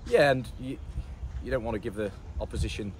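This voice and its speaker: A man, a football manager giving a post-match interview in a measured way, often saying "obviously" and restarting his phrases. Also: medium pitch. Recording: loud outdoor noise with traffic.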